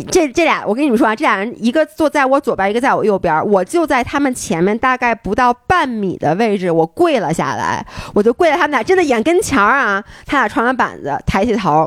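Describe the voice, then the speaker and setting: A woman co-hosting a podcast, telling a story in casual chat, animated and acting out scenes as she goes. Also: a little high, fast, dry recording, studio quality. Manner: animated, interrupts, acts out scenes. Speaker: podcast co-host.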